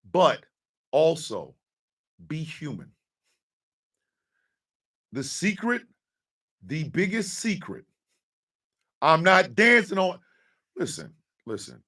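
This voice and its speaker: A man in his fifties hosting a live stream, ranting with profanity and often breaking into shouts. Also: a little high, distant mic. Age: 50s. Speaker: host.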